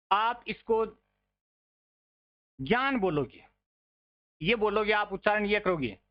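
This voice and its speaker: Male teacher for a grammar lesson, slow and steady delivery, repeats words for drills, muffled lo-fi recording. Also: high voice. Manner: addresses listeners as friends.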